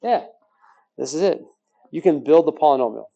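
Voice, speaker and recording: Mellow-voiced male math teacher. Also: a little high, expressive, moderate pace, vocal fry, muffled recording. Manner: quizzes the class with rhetorical questions, joking. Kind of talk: recorded classroom lesson.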